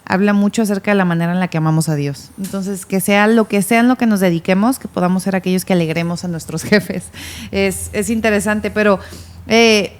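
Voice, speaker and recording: A woman talking through a Bible story in casual podcast conversation. She is earnest and reads aloud from her notes. She often repeats a word before the thought comes out. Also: mid-range voice. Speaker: podcast co-host.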